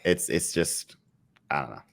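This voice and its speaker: A man with a very deep voice talks in a loose, rambling way on a casual podcast. He stumbles and restarts his sentences, swears freely and laughs when something annoys him. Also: animated, unhurried, vocal fry. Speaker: podcast co-host. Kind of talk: casual chat.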